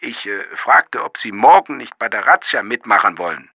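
A man voicing a pushy police sergeant with a rough, gravelly voice, who insists and sometimes drops to a confiding whisper. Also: fairly low pitch, very animated, normal speed, pushed and bright, dry recording, clean studio sound, voice pushed up, heavily acted.

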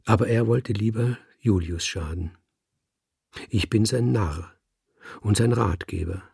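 Husky low-voiced guy reading an audiobook, dry close sound. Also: a little slow, darkish tone, no room sound. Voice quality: husky, gravelly. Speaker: audiobook reader. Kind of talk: first-person scripted narration.

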